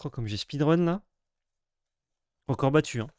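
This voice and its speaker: A man's voice: normal speed, dry recording, clean studio sound. Sarcastic man joking through a card unboxing. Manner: sarcastic, self-mocking banter with crude jokes; breaks into sudden high excited yelps. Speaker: streamer opening card packs. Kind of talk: casual unboxing commentary.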